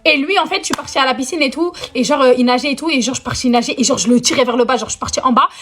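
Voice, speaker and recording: A woman's voice: sits high, very fast, fairly bright tone. A young woman telling a childhood story in a chatty, dramatic way, full of slang and English phrases. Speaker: storyteller vlogger. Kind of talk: casual story time.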